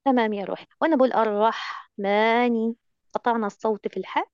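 Fast affectionate woman teacher, Egyptian accent. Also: on the high side, smooth, no room sound, muffled recording. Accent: Egyptian Arabic. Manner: affectionate, coaxing, heavy on endearments. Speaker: Quran recitation teacher. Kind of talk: online recitation lesson.

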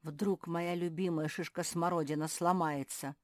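Lady doing a big soft bulldog guy, slow and tender, dry close mic. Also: fairly low pitch, fairly even intonation, dry recording, close to an everyday voice. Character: male bulldog groom, deep-voiced and gentle.

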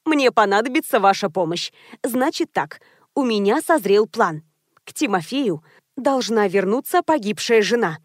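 A woman voicing a pushy, scheming female publicist who talks briskly and confidently in an audiobook. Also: medium pitch, expressive, dry recording, studio quality, natural voice.

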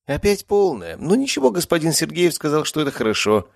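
A man's voice: fairly high pitch, wildly swooping pitch, a little fast, gravelly, dry recording, studio quality, pitched above the performer's own voice, heavily acted. A man voicing a kindly, bustling female nurse with a soothing manner in an audiobook. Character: fussing female hospital nurse, kind and chatty.

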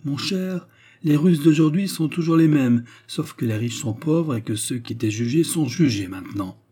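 A worldly Russian general, wry and cynical about the way things are. His voice is dark and husky, read by a man in an audiobook. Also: on the high side, animated, moderate pace, voice pushed up.

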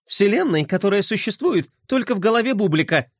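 A man voicing a skeptical, spunky skateboarder girl in a storybook reading, sharp and dismissive. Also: very high voice, expressive, normal speed, no echo, clean studio sound, voice pushed up. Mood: scoffing.

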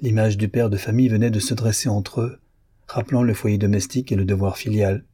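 In a lowish, husky voice, a man reads a classic novel for an audiobook. His storytelling stays measured and even throughout.

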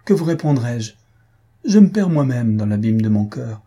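A man's voice: medium pitch, big pitch swings, normal speed, dark tone, breathy edge. A man reading an audiobook, voicing an anguished young noblewoman with a solemn, pleading manner.

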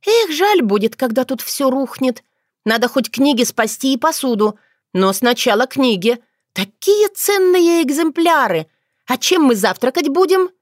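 A bold, sassy young witch from a storybook, played by a woman narrator. She talks high and cheeky with wide lively swings in pitch. The sound is dry and close. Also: unhurried, no echo, full character voice. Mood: indignant.

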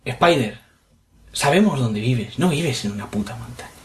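A man's voice: medium pitch, animated, normal speed. A man with a Spanish accent from Spain, co-hosting a casual podcast, reading listener comments aloud and swearing freely as he rambles. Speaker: podcast co-host.

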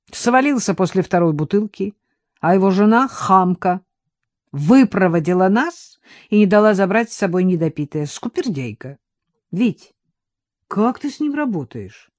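A woman voicing a hungover, boisterous young man who is loud, sneering and drunkenly slurring, in an audiobook. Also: lowish voice, expressive, unhurried, no room sound.

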